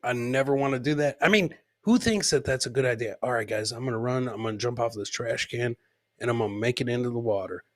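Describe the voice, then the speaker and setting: Talking fast in a medium-pitched voice, a live comedy podcast host riffs on fail clips. He chats casually with his viewers and keeps repeating his own lines.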